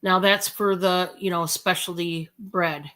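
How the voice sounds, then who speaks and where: An American woman hosting a live sales stream, chatting casually and slowly with many fillers. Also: lowish voice, fairly even intonation, sharp tone.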